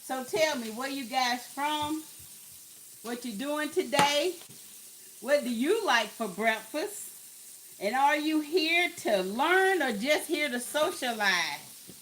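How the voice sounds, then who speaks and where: Slow high-voiced chatty woman cooking. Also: animated, background noise. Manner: chatty, talks to viewers as "y'all", exclaims over the food. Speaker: cooking vlogger. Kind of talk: casual cooking chat. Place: home kitchen.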